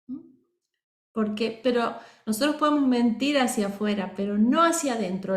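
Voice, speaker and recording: A woman gives a voice lesson, her voice sitting a little high. She explains step by step and keeps checking that her class is following along. The sound is roomy and reverberant. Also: darkish tone. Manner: explanatory, acts out example voices. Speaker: voice teacher. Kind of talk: course lecture.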